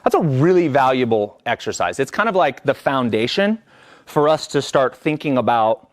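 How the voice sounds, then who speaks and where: A man's voice: mid-range voice, sing-song, moderate pace. A man leading a live business coaching workshop, talking energetically and conversationally and checking in with the group.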